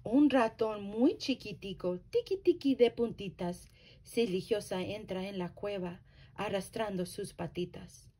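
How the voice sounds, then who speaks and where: A woman working as a library storyteller, reading a children's story aloud slowly and very expressively. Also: mid-range voice, dark tone, a little hiss or hum.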